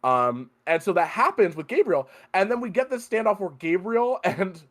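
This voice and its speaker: A man hosting a podcast, chatting casually about a movie, animated, swearing freely and laughing often. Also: high-pitched, normal speed. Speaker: podcast host. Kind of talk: casual movie review chat.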